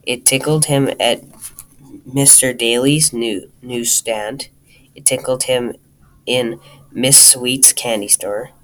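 A man reading a children's storybook aloud, talking straight to the listener in a lively way. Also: mid-range voice, slow pace, a little hiss or hum, poor audio. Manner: lively, addresses the listener directly.

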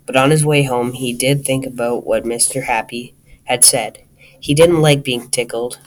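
A man reading a children's storybook aloud, talking straight to the listener in a lively way. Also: medium pitch, normal speed, a little hiss or hum, rough recording. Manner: lively, addresses the listener directly.

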